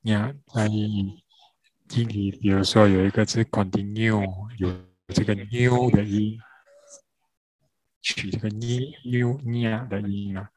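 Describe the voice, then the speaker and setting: Guy interpreting a class, kinda low voice, goes really slow, sounds out syllables one at a time. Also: level tone, darkish tone, no room sound, rough recording. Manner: measured, with frequent pauses. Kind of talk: slow spoken lesson.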